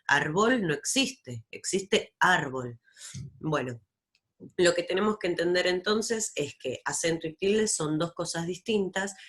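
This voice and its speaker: Slow, patient low-voiced woman teacher. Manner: slow, patient explaining with many pauses and fillers. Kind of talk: recorded lesson over slides.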